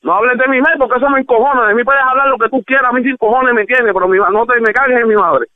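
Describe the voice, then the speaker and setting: A man's voice: very high voice, rapid-fire, dry recording. A man on the phone, arguing angrily and defensively and repeating himself as a prank call's target. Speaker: prank call victim. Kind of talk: heated phone argument. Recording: tinny phone line.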